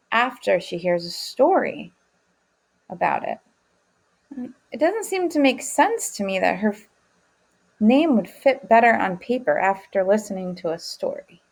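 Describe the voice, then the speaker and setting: A woman teacher reads a picture book aloud in an interactive lesson, encouraging the children and prompting them with questions. Her voice is mid-range, gravelly, and a little mellow.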